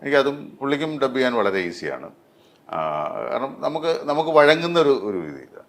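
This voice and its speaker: A middle-aged man, a dubbing artist, talking in an interview with many pauses and fillers. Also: mid-range voice, very animated. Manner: hesitant, many fillers and restarts. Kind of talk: interview conversation.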